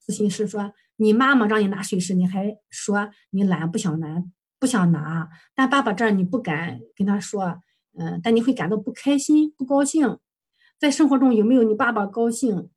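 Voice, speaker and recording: A woman's voice: mid-range voice, normal speed, darkish tone, husky. A woman counselor presenting a client case for supervision, recounting session dialogue hesitantly with many fillers and self-corrections.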